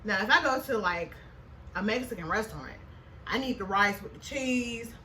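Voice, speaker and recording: A woman in her mid twenties with a bright, forward voice hosts a casual eating vlog. She talks with her mouth full, sassy and folksy, repeating her points for emphasis. Some room noise sits behind her. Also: mid-range voice, expressive, moderate pace, rough recording. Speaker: vlogger hosting a mukbang chat. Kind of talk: casual chat to camera while eating.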